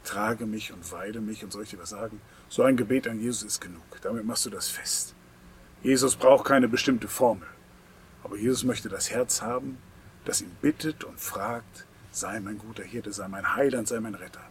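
Male preacher, sermon delivery, loud emphatic peaks dropping to near whispers, faint noise behind. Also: fairly low pitch, normal speed. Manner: intimate, speaks directly to the listener.

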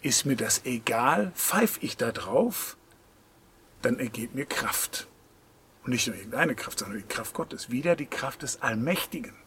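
A man preaching a sermon in an earnest, insistent way, swinging between loud emphatic lines and hushed near-whispers. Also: mid-range voice, expressive, measured pace, slight background noise.

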